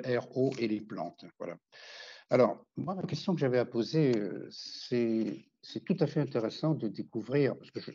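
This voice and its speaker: An older man speaks in a low, mellow, husky voice, often pausing with fillers and restarting his sentences. He is on a video call from a room at home through a laptop microphone, and the sound is dull and lo-fi. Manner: hesitant, many fillers and restarts. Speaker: veterinarian taking part in a webinar. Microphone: laptop webcam microphone.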